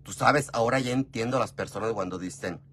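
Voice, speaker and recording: A man's voice: brisk, a little hiss or hum. Chatty Mexican man telling a story. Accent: Mexican Spanish. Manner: chatty and gossipy, often calls the listener "mi amor"; expressive, with big jumps in pitch and volume. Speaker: vlogger. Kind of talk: casual storytelling chat.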